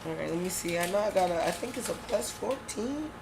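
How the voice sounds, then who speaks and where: Animated slangy woman player, noisy background. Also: fairly low pitch, brisk, vocal fry. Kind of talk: casual tabletop play. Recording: background noise.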